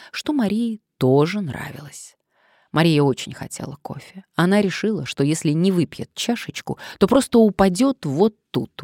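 A woman narrating an audiobook in an expressive, lively reading. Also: low voice, no echo, studio quality.

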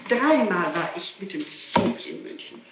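In an echoey interrogation room, a woman questioned by police gives her statement emphatically and insistently, repeating herself. Her voice is on the low side with big pitch swings and a slightly slow pace. The archival tape is noisy and echoey, picked up by a distant mic.

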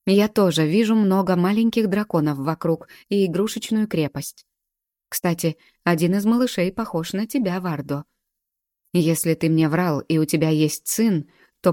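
A woman voicing a blunt, sharp-tongued young woman who threatens a man, in a low, mellow voice. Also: a little slow, dry recording, clean studio sound, close to an everyday voice.

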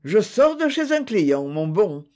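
A plump, cheerful Englishman, voiced by a man reading aloud, chatters in jovial, clumsy turns of phrase. The voice sits high and swings widely, bright with goodwill, as in an audiobook. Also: very animated, measured pace.

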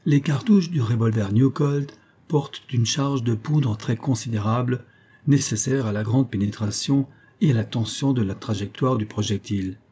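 Husky, mellow man narrating a story. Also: mid-range voice, moderate pace. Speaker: audiobook narrator. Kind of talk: scripted narration.

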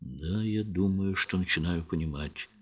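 A man's voice: deep voice, unhurried, breathy edge, dull audio. A man reading as a puzzled, earnest young man. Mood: slow realization.

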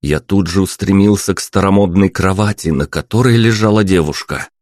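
A man narrating a story as an audiobook, in a steady storytelling manner. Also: deep voice, a little fast, no room sound, studio quality.

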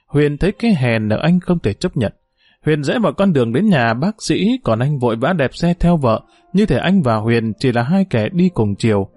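A man reading a novel aloud in steady, measured storytelling narration. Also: mid-range voice, no room sound.

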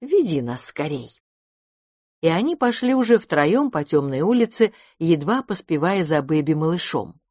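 A reader narrating a children's audiobook in a calm, even storytelling manner. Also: medium pitch, moderate pace, hardly any pauses, dry recording, clean studio sound.

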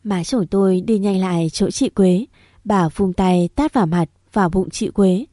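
Mellow woman narrating. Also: medium pitch, normal speed, no room sound, clean studio sound. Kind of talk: scripted first-person story narration.

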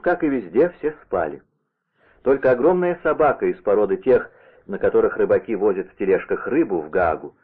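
A man reading a historical adventure novel aloud in a measured way, with a husky voice. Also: lowish voice. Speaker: audiobook reader. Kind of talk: scripted literary narration. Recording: tinny narrow-band old radio recording.

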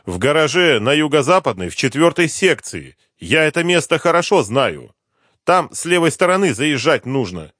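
A man reading an audiobook, voicing a frightened, whining male drug addict with a high, pleading voice. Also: big pitch swings, moderate pace, fairly bright tone, dry recording, studio quality. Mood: agitated rambling.

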